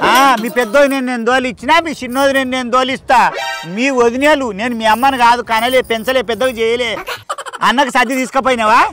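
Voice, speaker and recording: A shrill, fast-talking old village mother-in-law, as a man acts her out, with a Telangana Telugu accent, forever nagging and bursting into loud scolds. The voice sits very high and rushes along. Music plays under the comedy sketch. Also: little pitch movement. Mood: scolding. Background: background music.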